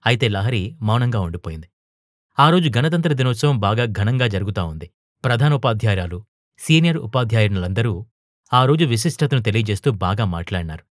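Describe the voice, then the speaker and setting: A man narrating an audio story in a steady, measured way. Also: on the low side, no echo, clean studio sound. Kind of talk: scripted narration.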